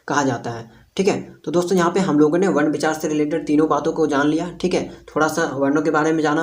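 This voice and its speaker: A man with a Jharkhand Hindi accent teaching Hindi grammar for an entrance exam. He explains steadily and keeps checking in with the students. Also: a little high. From India. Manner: repeats "thik hai" and "jo hai" while explaining, checks with listeners often.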